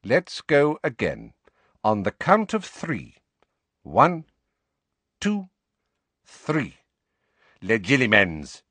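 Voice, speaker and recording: A man's voice: medium pitch, huge pitch swings, very slow, long pauses, a bit bright, no room sound, heavily acted. A man voicing a cold, menacing male teacher who speaks in clipped, cutting phrases. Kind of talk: audiobook character voice.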